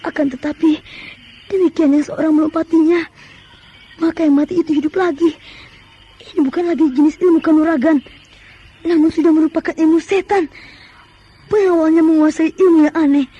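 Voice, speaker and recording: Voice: very high voice, fairly even intonation, a little fast, pauses often, mellow, lo-fi sound. A performer playing a bold, taunting young fighter in an old radio drama, with theatrical delivery. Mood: astonished. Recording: music under radio drama.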